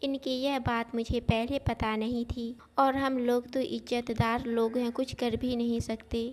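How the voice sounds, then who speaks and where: A woman's voice: a little high, level tone, unhurried, lightly acted. A woman voicing a scornful, bossy middle-aged mother-in-law in a storybook reading, with a cutting manner. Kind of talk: storybook narration.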